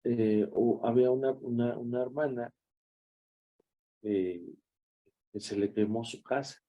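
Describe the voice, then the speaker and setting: A man's voice: medium pitch, fairly even intonation, a little slow, dull audio. A man with a Mexican accent, a pastor giving a devotional sermon in a conversational, storytelling way.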